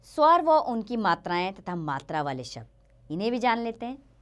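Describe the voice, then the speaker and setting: Lively-voiced woman teaching children. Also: medium pitch. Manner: clear, patient explaining, drawn-out example words. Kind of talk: children's grammar lesson.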